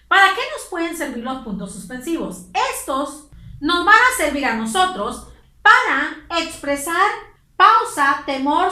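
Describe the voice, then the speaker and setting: A woman's voice: high voice, pushed and bright, reverberant. A woman teacher with a Mexican Spanish accent, patiently explaining a lesson to pupils. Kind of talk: online class lesson.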